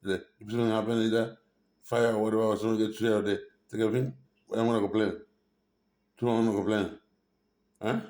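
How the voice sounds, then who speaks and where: A man's voice: lowish voice, flat delivery, fairly quick, long pauses, a little mellow. A middle-aged man ranting in a rambling monologue, agitated and repetitive, often breaking off with "hein?" and slipping between French and English. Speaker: vlogger. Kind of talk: rambling direct-to-camera monologue.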